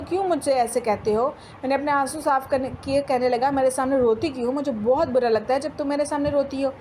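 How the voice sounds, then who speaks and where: A woman narrating a first-person moral story in a steady storytelling voice, with some restarts and slips. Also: sits high, a little hiss or hum, low-quality recording.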